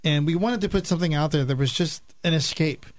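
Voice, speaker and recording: A man who co-hosts a radio show and podcast explains things in a casual, conversational manner. His voice is fairly high and fast, with no echo.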